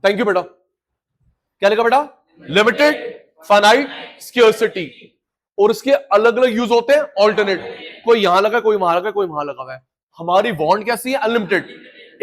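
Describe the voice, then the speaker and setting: Man, middle-aged teacher, high pitch, energetic call-and-response lecturing in Hindi-English mix. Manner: energetic, drills students with call-and-response repetition; mixes Hindi and English terms. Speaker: economics teacher. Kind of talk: live class lecture.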